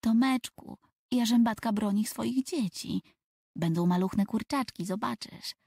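A woman voicing a bossy, lively little village girl who gives commands and scolds. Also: a little high, measured pace, creaky, breathy edge, no echo, studio quality, voice pushed up, full character voice. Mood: comforting.

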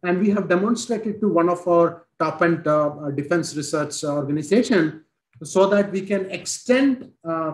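Over a roomy-sounding video call, a fortysomething man with an Indian accent presents a technical product demo through a headset. His high, slightly mellow voice stumbles along with frequent fillers and restarts.

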